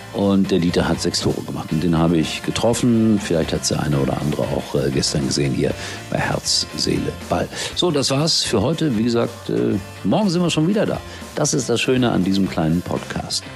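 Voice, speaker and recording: A man's voice: fairly low pitch, vocal fry. A man hosting a daily podcast, closing the episode in a chatty, jokey manner. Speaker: podcast host. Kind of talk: casual podcast outro. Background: guitar music.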